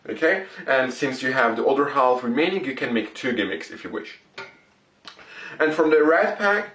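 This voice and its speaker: A man presenting card tricks and explaining them step by step, in deliberate, short broken phrases. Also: medium pitch, fairly bright tone. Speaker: magic tutorial presenter. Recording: roomy echo, distant microphone.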